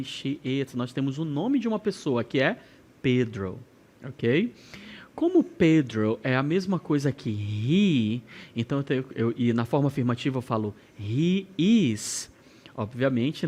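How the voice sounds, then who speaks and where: A man with a Brazilian Portuguese accent teaching an English lesson, reading example questions slowly and carefully. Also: medium pitch, darkish tone. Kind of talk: recorded classroom lesson.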